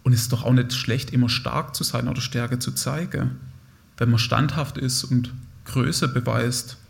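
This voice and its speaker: A man's voice: mid-range voice, fairly even intonation, a little slow, vocal fry. A young man giving a conversational, reflective sermon, speaking directly to his listeners. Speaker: preacher.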